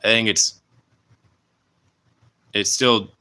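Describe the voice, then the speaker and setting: Deep, bright-toned man reflecting earnestly. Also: steady tone. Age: 20s. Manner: earnest, halting, many restarts and fillers. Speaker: vlogger. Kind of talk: reflective personal vlog.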